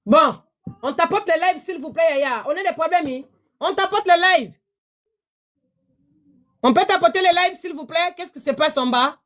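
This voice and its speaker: A woman, hosting a live-stream sales pitch from her phone, chatty and repetitive, pleading with viewers. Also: normal speed, long pauses, a bit bright. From DR Congo.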